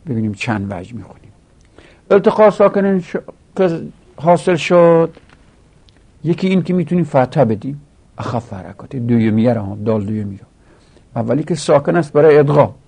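A man's voice: mid-range voice, vocal fry, mellow, husky. A man teaching an Arabic grammar lesson, explaining step by step and repeating each rule.

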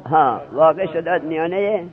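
Man drilling grammar over a tinny line. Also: on the high side. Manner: questioning, drilling students. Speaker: seminary teacher. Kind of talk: Arabic grammar lesson in Persian. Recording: tinny lo-fi narrowband recording.

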